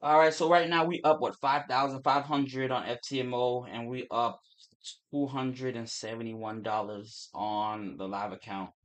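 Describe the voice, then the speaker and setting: This is a young man from Turks and Caicos, fast and offhand on a trading livestream, with restarts and profanity throughout. His accent mixes Caribbean Creole-English with American. He speaks at a medium pitch that barely moves.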